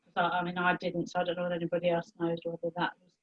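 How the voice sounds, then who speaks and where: A British woman with a slightly low voice talks casually and a little haltingly. The sound is somewhat muffled and lo-fi, as on a video call. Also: completely flat delivery. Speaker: exercise class participant. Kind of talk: casual chat.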